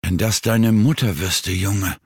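A man's voice: sits low, fairly even intonation, slow, creaky, husky, no echo, studio quality, heavily acted. A man voicing a frightened, weary old craftsman in an audiobook scene, his voice strained and thinner than his narration. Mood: fearful.

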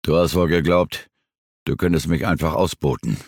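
A man's voice: low voice, very animated, measured pace, gravelly, fairly bright tone, husky, no room sound, clean studio sound, full character voice. A man voicing a scornful, threatening younger man in an audiobook thriller, his delivery mocking and cutting. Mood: menacing.

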